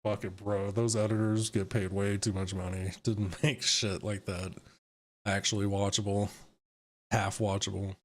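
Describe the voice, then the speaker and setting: A man's voice: fairly low pitch, flat delivery, measured pace. A young man hosting a live stream, casually ranting about a film with lots of swearing, laughter and mocking asides. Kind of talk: casual chat.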